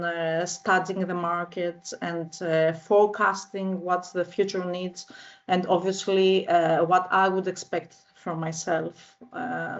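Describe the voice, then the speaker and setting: Slow, flat-voiced Greek woman. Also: mid-range voice. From northern Greece. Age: 30s. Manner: measured and halting, frequent filler sounds. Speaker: guest. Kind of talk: interview answers. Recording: slightly muffled audio.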